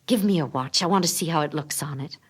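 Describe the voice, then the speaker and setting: A woman's voice: low-pitched, quick pace, slightly rough. A woman voicing an eager, loving young wife in a dramatic storybook reading, breathless and emphatic. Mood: eager, excited.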